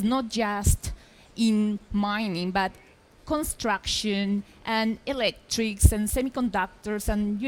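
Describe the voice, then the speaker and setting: A woman's voice: fairly high pitch, darkish tone, a little hiss or hum, low-quality recording. Woman giving an expo talk. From Chile. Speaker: journalist, conference speaker. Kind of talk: conference presentation. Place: expo hall stage.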